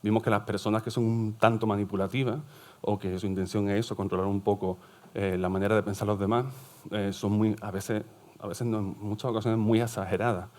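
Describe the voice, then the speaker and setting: A man's voice: on the low side, level tone, brisk, dark tone. A middle-aged man, a teacher and psychopedagogue giving an explanatory conference talk and checking in with his audience. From southern Spain. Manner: explanatory, often checks in with "¿vale?". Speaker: primary school teacher and psychopedagogue presenting at a forum.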